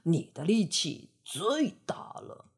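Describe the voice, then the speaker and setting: A woman voicing a sly, scheming male lion who flatters and coaxes in a storybook tale. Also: on the low side, slow, vocal fry, slightly rough, voice pushed down, exaggerated voice. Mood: sly coaxing. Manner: wheedling, flattering.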